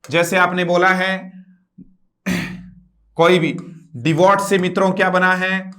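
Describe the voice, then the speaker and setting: This online English lesson is led by a man whose high voice stays flat and slow, with a pushed, bright quality. He spells out words one letter at a time, asks students to say them back, and keeps repeating terms while posing rhetorical questions.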